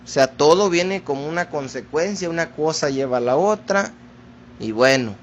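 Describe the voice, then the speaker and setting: A man preaching a sermon, addressing his listeners as brothers in a slow, deliberate teaching manner. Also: fairly high pitch, lively intonation, slight background noise.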